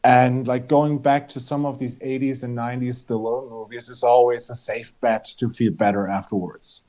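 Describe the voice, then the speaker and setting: A man co-hosting a podcast, talking loosely with constant restarts and fillers. His voice sits at an ordinary middle pitch, and the recording sounds dull and lo-fi. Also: level tone, normal speed. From Germany. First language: German. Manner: rambling, many restarts and fillers. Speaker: podcast co-host. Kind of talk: casual chat.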